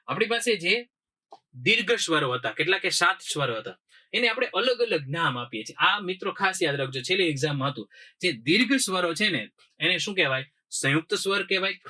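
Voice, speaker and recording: A man teaches an exam-prep grammar lesson in a very bright, ringing voice. He sits a little high in pitch and quizzes his class again and again, answering each question himself and checking that they follow. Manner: drills with repeated questions and answers; keeps checking understanding.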